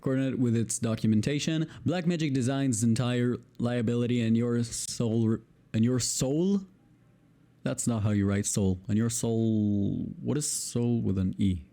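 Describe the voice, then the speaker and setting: Reading legal text aloud, this Israeli-accented man, a video creator whose native language is Hebrew, keeps stumbling on long words and stopping to curse in frustration. His voice is warm, medium-pitched and moderately paced.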